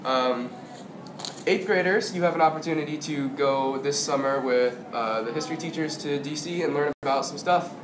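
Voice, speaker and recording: A man's voice: a little high, normal speed. A male host reading school announcements in a casual, chatty way, sometimes correcting himself. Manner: informal, chatty, self-correcting. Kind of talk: casual scripted announcements with ad-libs. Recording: echoey room, clear background noise.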